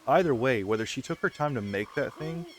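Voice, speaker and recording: A gaming video host chats casually through a let's-play, rambling with plenty of fillers and speaking directly to his viewers over game music. His mid-range voice is brisk with lively intonation, and there's slight background noise.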